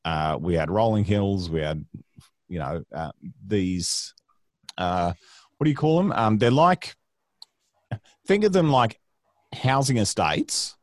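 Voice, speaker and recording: A man's voice: fairly low pitch, lively intonation, takes it slowly, long pauses, no echo. A man with a Queensland Australian accent, chatting casually in a droll, rambling way. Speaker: guest. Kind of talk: casual joking chat.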